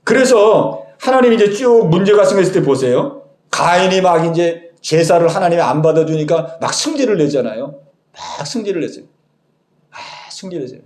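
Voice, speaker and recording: A man's voice: sits high, expressive, brisk, a little mellow. A man preaching a sermon as pastor, speaking emphatically and putting questions to the congregation. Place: church sanctuary. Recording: echoey church hall.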